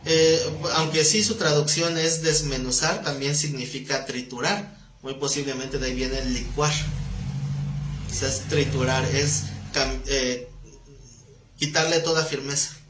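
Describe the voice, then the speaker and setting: A man's voice: medium pitch, steady tone, a little slow. Man, Bible teacher, conversational, quizzes the class, roomy echo, faint background noise. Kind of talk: live Bible class lecture. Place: classroom with students. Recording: echoey room, faint noise.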